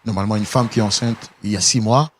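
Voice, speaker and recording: A man's voice: on the low side, fairly even intonation, fast talker, slight background noise. A man hosting a talk show, questioning a guest insistently. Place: television studio.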